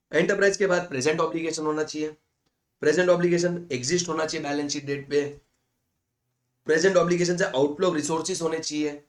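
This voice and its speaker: A man teaching accounting in Hindi mixed with English. He reads definitions slowly, then explains them quickly, calls his students "guys" and repeats key points. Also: on the high side. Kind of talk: lecture explaining slides.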